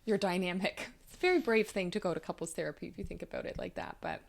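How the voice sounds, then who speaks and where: A woman from Canada, in her thirties, talks through relationship problems as a couples therapist. Her voice sits a little low and has a gravelly edge. She explains at length and leans on everyday examples. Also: quick pace. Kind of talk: conversational interview.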